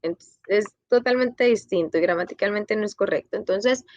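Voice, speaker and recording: A woman's voice: mid-range voice, moderate pace, dry recording, highs cut off. Woman teaching English grammar patiently. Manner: patient, explains in Spanish and repeats in English. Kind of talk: bilingual grammar lesson.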